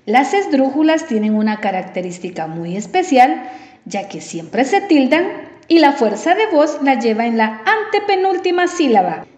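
A woman's voice: sits high, big pitch swings, darkish tone, roomy sound. A woman teaching a grammar lesson to viewers at home, patient and encouraging, stretching out each example word. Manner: drawn-out, sing-song emphasis on example words; patient, encouraging, addresses the listener directly. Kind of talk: slow, deliberate televised grammar lesson.

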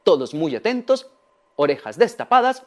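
Lively storyteller man. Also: a little high. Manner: animated, slow and clear, addresses children directly. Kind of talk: children's storytelling lesson.

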